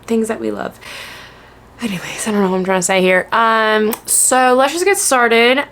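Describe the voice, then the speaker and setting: A woman's voice: a little high, fairly bright tone. A young woman from Alabama, chatting casually through a makeup tutorial, rambling and correcting herself as she goes. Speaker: beauty vlogger. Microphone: camera on a makeshift tripod.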